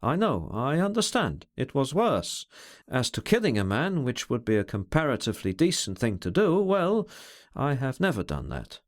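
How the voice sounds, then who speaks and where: A man reading aloud, voicing a brooding, bitter man who talks over his feelings in an introspective, measured way. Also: medium pitch, wildly swooping pitch. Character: brooding, scornful, self-searching man.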